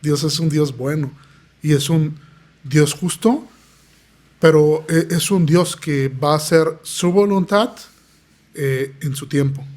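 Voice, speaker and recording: A man's voice: on the high side, a little mellow. A man, a pastor telling his testimony in an earnest, preaching tone. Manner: earnest, preaching tone, acts out quoted voices. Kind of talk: podcast interview testimony.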